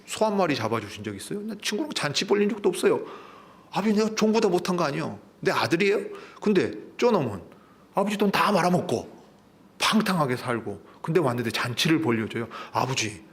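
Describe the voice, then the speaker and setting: A man's voice: medium pitch, sing-song, brisk, vocal fry. A man acting out a resentful grown elder son who is sulking and complaining in an indignant, whiny tone. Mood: aggrieved.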